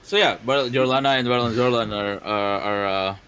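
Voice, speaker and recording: A man's voice: medium pitch, normal speed, fairly bright tone. A man running a tabletop game as game master, chatting casually, laughing and boasting, and stumbling over repeated words. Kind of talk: casual game chat on a live stream.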